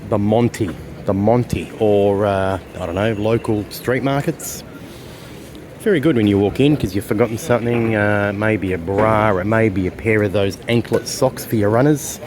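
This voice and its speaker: A man's voice: lowish voice, moderate pace. A man from Australia with an Australian accent, chatting casually as he narrates a walking tour outdoors on city streets. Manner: chatty, rambling, with fillers. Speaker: travel vlogger. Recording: street noise behind.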